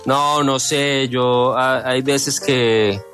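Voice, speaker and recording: A man in his forties with a mid-range voice, joking dryly at his own expense on a radio show. He talks at an unhurried pace while music plays behind. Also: medium pitch, fairly even intonation, a bit bright. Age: 40s. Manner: dry, self-deprecating, unhurried. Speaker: radio co-host. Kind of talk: joking studio banter. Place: radio studio.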